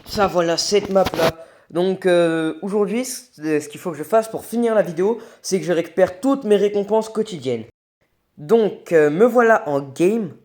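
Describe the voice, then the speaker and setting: A man doing casual gameplay commentary as an excitable, raging gamer who swears. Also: sits high, normal speed. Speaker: gaming video creator.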